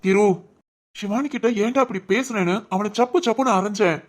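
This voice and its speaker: A woman's voice: medium pitch, a little fast. A woman voicing the members of a homemade family drama in an emotional, conversational way.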